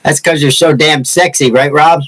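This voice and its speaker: A man's voice: a little high, fairly even intonation, normal speed, fairly bright tone, rough recording. Joking older man hosting a carving stream. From Massachusetts, USA. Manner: joking, teasing, rambling. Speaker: woodcarving channel host. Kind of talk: casual livestream chat with viewers.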